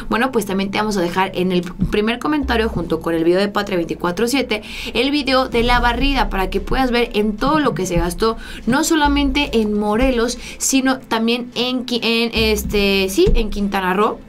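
A young woman from Mexico hosts a political commentary show, her voice pitched a little high. She sounds indignant and animated, gesturing as she reads news and reacts. It is recorded in a small studio. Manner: indignant, talks with her hands. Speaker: host. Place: small studio with blue backdrop.

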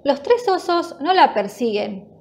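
A woman narrating a children's storybook in a slow, clear, gentle storytelling manner. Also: high-pitched, very animated.

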